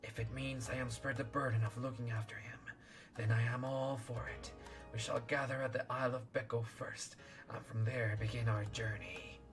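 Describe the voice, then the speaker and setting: A man voicing a haughty serpent spirit from a video game in a breathy snake voice with archaic, formal speech. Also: medium pitch, fairly even intonation, normal speed, over music, natural voice. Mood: haughty, disdainful. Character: haughty male serpent spirit lord, disdainful.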